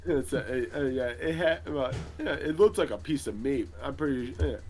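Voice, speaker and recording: A man's voice: mid-range voice, normal speed, darkish tone, faint music behind, natural voice. A man playing a boastful middle-aged veteran magic hero in an improvised role-play podcast interview, rambling and hesitant, full of filler words. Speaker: interview guest.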